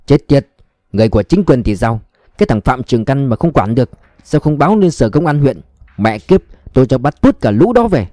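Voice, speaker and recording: A man's voice: mid-range voice, sing-song, a little fast, warm tone, dry recording, studio quality, natural voice. A man doing a blunt, hot-tempered police chief. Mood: furious. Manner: blunt, angry.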